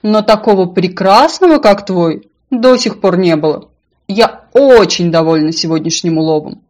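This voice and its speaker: A woman voicing a sly, self-important female fish in a storybook, calm and unflappable. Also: lowish voice, moderate pace, close to an everyday voice. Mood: grand.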